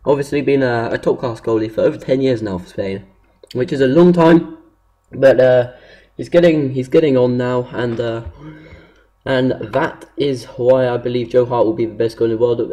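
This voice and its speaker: A man's voice: mid-range voice, normal speed, mellow. A man giving casual, unscripted commentary as a gaming video host, hesitant and rambling as he talks.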